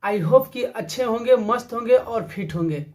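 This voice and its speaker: A man giving a motivational talk, preaching in an earnest, deliberate way and telling a story. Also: very high voice, animated. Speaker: motivational speaker.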